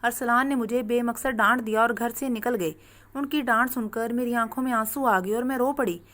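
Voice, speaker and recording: A woman narrates a first-person story in a steady, earnest manner. Her voice sits fairly high. The reading is scripted and even. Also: normal speed.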